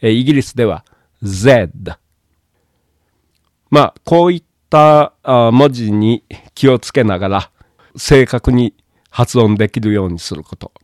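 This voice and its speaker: A man teaching English pronunciation in a calm lesson, explaining carefully and modelling each sound. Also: mid-range voice, moderate pace, dry recording, studio quality. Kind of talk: slow spoken lesson.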